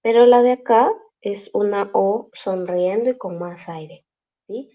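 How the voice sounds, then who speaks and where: A woman's voice: medium pitch, unhurried, narrow, tinny audio. A woman teaching a language class over a video call, explaining patiently step by step and checking in with her students often.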